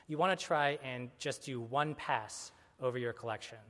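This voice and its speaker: A man's voice: medium pitch, moderate pace, a bit bright. A man giving a technical conference talk in a casual way, with many fillers and self-corrections. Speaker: conference speaker. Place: conference hall. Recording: lecture hall with long reverb.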